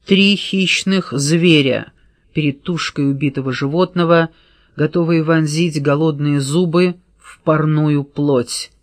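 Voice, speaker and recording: A woman's voice: low-pitched, measured pace, no room sound. Woman narrating an audiobook, dry close sound. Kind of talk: scripted narration.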